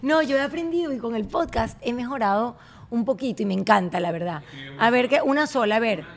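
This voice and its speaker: Lively woman hosting a chat. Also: fairly high pitch. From Venezuela. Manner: lively, mixes in halting English. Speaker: podcast host. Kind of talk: casual chat.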